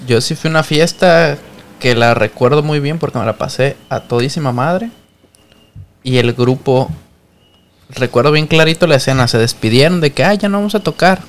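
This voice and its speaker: A young man with a Mexican accent, chatting casually as a podcast co-host and telling stories with lively shouted impressions. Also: mid-range voice, normal speed. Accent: Mexican Spanish. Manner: animated storyteller, mimics his own shouts. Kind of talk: casual chat.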